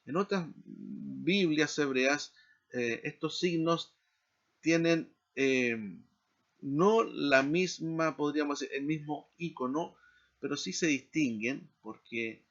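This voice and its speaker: A man teaching a seminary Hebrew lesson in a slow, deliberate lecture style, checking in with short tag questions. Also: on the high side, fairly bright tone, highs cut off. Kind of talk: recorded lecture.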